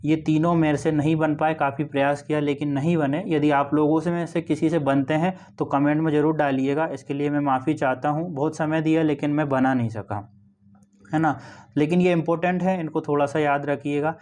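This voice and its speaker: A man's voice: on the high side, fairly even intonation, a little fast, darkish tone. A man explaining memory tricks in an exam-prep lesson, often repeating phrases and checking in with the listener. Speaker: teacher.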